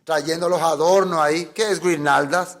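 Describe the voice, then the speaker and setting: A man with a high-pitched voice preaches a sermon. He speaks emphatically and keeps asking his congregation questions. He briefly acts out the voices of the people he quotes. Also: fairly even intonation, normal speed, a bit bright. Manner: emphatic, asks the listeners rhetorical questions. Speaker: pastor.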